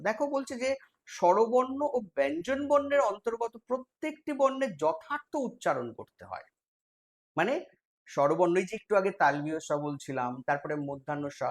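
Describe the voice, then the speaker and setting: A man with a West Bengal accent teaching a live online exam-prep class, explaining step by step and quizzing his students. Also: high-pitched.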